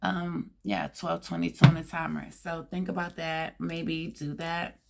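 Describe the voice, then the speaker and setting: A woman with a hoarse, scratchy voice giving a tarot card reading, reading out card meanings and chatting casually to her viewers. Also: lowish voice, flat delivery, unhurried. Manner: reads card meanings aloud with chatty asides. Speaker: tarot reader.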